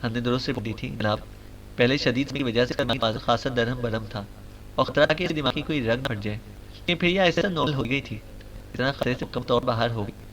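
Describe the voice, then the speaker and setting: A man voicing a serious male hospital doctor who explains matters flatly and defensively. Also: medium pitch, slight background noise, close to an everyday voice.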